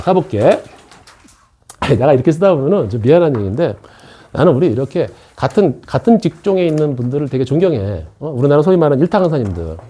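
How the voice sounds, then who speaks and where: A man's voice: on the high side, mellow. A middle-aged man teaching math in an academy classroom, joking with students between explanations. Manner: joking, chatty asides to students. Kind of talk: casual classroom lecture.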